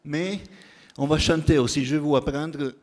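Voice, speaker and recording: A man's voice: fairly high pitch, steady tone, normal speed. A man leading a children's story moment in church, playful and coaxing as he teaches a chant. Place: large church hall. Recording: church recording with long hall reverb.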